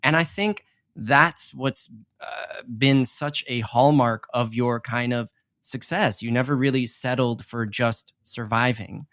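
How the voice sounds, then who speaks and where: A man's voice: medium pitch, slow, fairly bright tone, no echo, studio quality. A young man hosting a podcast, chatting casually and telling stories, acting out the people he quotes. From Persian family. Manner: chatty storyteller, acts out quoted voices. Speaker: podcast host. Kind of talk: casual chat.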